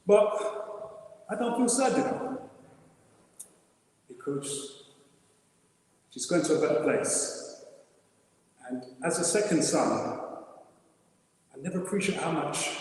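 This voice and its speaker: A middle-aged man giving his mother's funeral eulogy, halting and rambling, emotional and trying to hold it together. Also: medium pitch, darkish tone. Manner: halting and rambling, restarts a lot. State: emotional, holding back tears. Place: crematorium chapel. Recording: echoey chapel, heard from far off.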